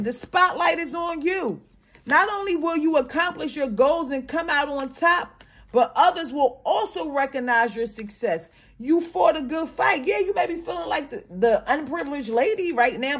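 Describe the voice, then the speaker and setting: A woman giving a casual spiritual card reading to her viewers, slangy and emphatic, with her morning voice still on her and a habit of tacking "okay?" onto her lines. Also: vocal fry. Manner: swings between low mutters and loud animated bursts.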